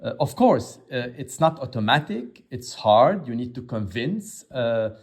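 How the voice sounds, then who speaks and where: A Lebanese man who heads an aid agency answers interview questions haltingly, with many filler sounds. His husky voice sits at a medium pitch but swings widely.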